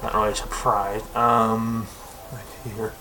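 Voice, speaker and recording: A young man with a bright, forceful voice rambles through casual home commentary. He stops and restarts often, loses his thread, and fills the gaps with ums. A faint hum of room sound sits behind him. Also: on the low side, level tone, slow, poor audio. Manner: rambling, full of fillers, restarts and tangents. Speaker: video host.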